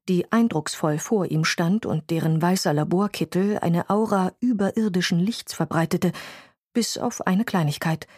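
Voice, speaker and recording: A woman narrating a novel as an audiobook in a measured, descriptive way. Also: lowish voice, a little mellow, slightly rough, no room sound, clean studio sound. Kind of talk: scripted narration.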